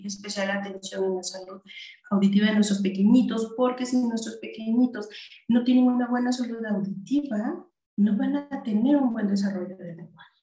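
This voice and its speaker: A woman's voice: medium pitch, warm tone, reverberant, rough recording. A woman with a Mexican Spanish accent giving a video conference talk as a language specialist, chatty, with many fillers and restarts. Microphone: video call.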